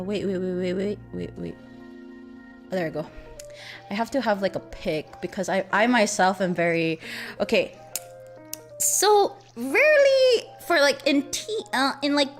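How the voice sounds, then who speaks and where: Young woman, Filipino accent, lively sing-song voice, giggly rambling livestream lesson, faint music behind. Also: a little high. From Philippines. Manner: giggly, rambling, many fillers and restarts. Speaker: streamer teaching Filipino. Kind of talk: casual livestream language lesson.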